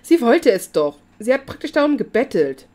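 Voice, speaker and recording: A woman's voice: fairly low pitch, expressive, fairly quick, a little mellow, lightly acted. A woman reading the lines of an arrogant, whiny young male thug who sounds defiant and indignant.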